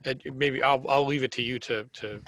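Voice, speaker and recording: A man in a casual panel discussion, measured, qualifying and clarifying his points. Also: medium pitch, fairly even intonation, fairly bright tone, no echo.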